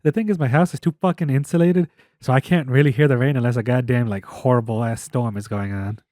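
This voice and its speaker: A man's voice: mid-range voice, fast, mellow, no echo, clean studio sound. A man co-hosting a casual podcast chat in a living room, rambling with many fillers and restarts. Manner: rambling, lots of fillers and restarts, laughs often. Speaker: podcast co-host.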